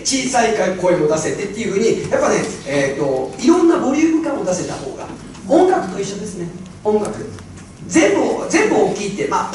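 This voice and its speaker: Animated high-voiced man lecturing in an echoing hall. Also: distant mic, slight background noise. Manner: animated, laughing often, swinging between loud and soft. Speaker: speech coach giving a seminar. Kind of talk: lively seminar talk to a live audience. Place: large hall with a microphone. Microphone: handheld microphone.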